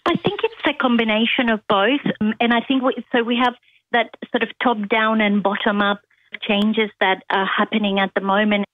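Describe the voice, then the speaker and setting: A woman from Argentina, a native Spanish speaker and university lecturer, answering interview questions slowly and thoughtfully, with many ums and restarts. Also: a little high, fairly even intonation, dry recording. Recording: tinny phone line, dry.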